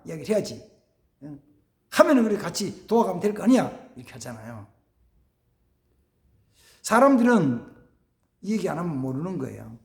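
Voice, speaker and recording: A man preaching a sermon as pastor, animated, acting out family dialogues and dropping to near-whispers for emphasis. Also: high voice, roomy sound. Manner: animated, acts out family dialogues in shifting voices. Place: church sanctuary.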